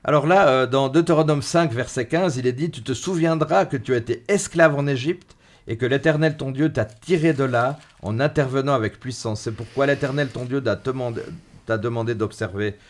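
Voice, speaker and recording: A man's voice: medium pitch, a little fast. A man from Switzerland on a Bible study panel, reading scripture passages and briefly agreeing with the others. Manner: reads scripture, frequent short agreement. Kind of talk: religious panel discussion.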